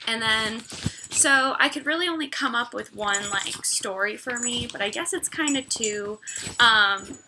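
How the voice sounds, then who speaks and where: A woman's voice: fairly high pitch, measured pace, noisy background. A young woman recording a class response at home on her computer, reading quotes aloud and commenting with frequent ums. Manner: reads quotes then comments, many ums. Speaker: education student. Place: home room with puppies. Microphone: computer mic.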